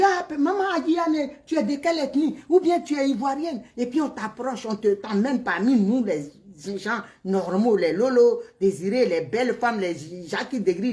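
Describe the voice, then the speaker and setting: Woman ranting at the camera, high voice, mocking and insulting, goes loud then hushed. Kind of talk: heated direct-to-camera rant.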